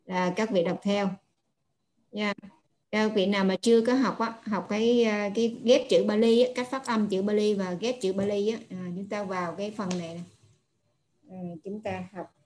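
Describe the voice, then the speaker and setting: A woman, a Buddhist nun patiently explaining pronunciation in an online lesson, with many pauses and filler sounds. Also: medium pitch, steady tone, darkish tone. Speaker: Buddhist nun teaching Pali.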